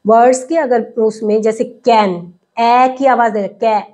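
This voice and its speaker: Slow, higher-voiced woman teaching phonetics. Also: steady tone, darkish tone. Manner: sounds out words slowly, syllable by syllable. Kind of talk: slow classroom explanation. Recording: dull lo-fi recording.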